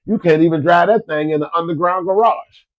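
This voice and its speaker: A man with a cold, from Florida, gives his listeners casual, repetitive, folksy business advice by way of motivation. His voice is a little high and brisk, and the audio is dull.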